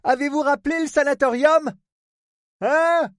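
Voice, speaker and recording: A man voicing a gruff, fretful middle-aged male harbor superintendent in an audiobook, speaking bluntly and rustically, full of oaths. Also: very high-pitched, moderate pace, no room sound, clean studio sound, voice pushed up. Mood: worried, pleading. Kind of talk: audiobook character voice.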